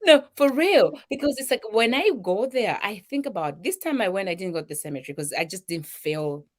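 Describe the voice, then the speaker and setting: A woman's voice: medium pitch, a little fast. Zambian woman telling a personal story. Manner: emotional, animated storytelling with voiced quotes. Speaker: guest, charity founder.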